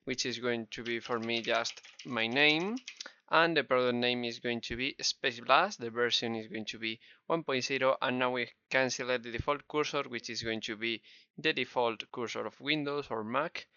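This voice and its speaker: A Spanish-accented man walks viewers through game development step by step in a screen-recorded tutorial, friendly and encouraging. His medium-pitched voice is steady, pushed and bright yet smooth at a moderate pace, with no room sound, on a dull, slightly lo-fi close mic.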